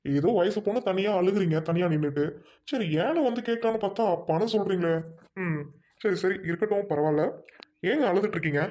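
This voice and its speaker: A woman voicing a kind young man who gently coaxes a crying stranger and jokes a little. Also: medium pitch, animated, a little fast, close to an everyday voice. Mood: coaxing. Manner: soothing, coaxing, lightly joking. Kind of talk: amateur dialogue drama.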